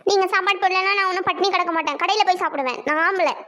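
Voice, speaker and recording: A performer voicing an arrogant young boy in a cartoon, giving scornful, domineering orders in a very high voice. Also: very fast, bright, forceful tone. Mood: defiant. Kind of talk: cartoon voice acting.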